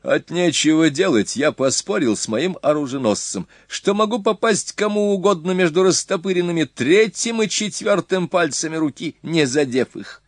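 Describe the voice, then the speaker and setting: A man voicing a hot-tempered, boastful young Hun prince in an audiobook, talking excitedly with a rising pitch. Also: moderate pace, few pauses, no echo, clean studio sound. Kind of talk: audiobook character voice.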